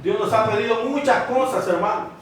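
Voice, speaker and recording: A preacher with a high voice delivers his sermon, constantly addressing the brethren and throwing questions at them. He is recorded from a distance in a church hall with a heavy echo. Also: brisk, slight background noise. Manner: repeats 'hermanos', asks the congregation questions. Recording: echoey hall from far off.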